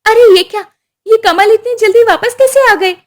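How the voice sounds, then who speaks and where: A woman's voice: extremely high pitch, expressive, moderate pace, a little hiss or hum, voice pushed up. A woman voicing a scheming, cruel young daughter-in-law in a storybook tale, talking in a sly, scolding way. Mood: sharp.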